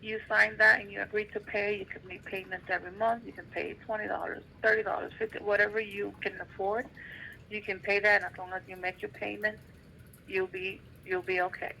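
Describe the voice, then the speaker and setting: Woman caseworker, procedural phone manner, sharp gravelly tone, faint phone-line noise. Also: mid-range voice, flat delivery, brisk. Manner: procedural, uses filler ums. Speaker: state benefits caseworker. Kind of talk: phone call explaining procedure.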